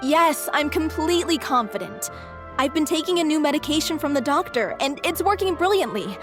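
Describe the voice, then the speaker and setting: An actress playing a proud, determined lead actress in a video game, firm and indignant. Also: female voice, high voice, animated, a little fast. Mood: resolute. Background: game music.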